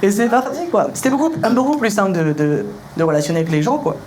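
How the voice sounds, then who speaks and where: High-pitched young man doing fast stand-up. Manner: animated storytelling, acting out dialogue; colloquial, slangy. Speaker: stand-up comedian. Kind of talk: punchy stand-up comedy. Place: live comedy venue. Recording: live show recording with clear noise.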